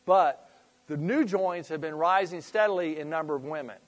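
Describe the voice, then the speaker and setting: Guy giving a casual business talk to a group, voice a bit on the high side, quizzes the room, restarts sentences a lot. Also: moderate pace. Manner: conversational, asks the audience questions, trails off and restarts. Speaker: presenter at a fitness club industry meeting. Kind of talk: informal business presentation to a group.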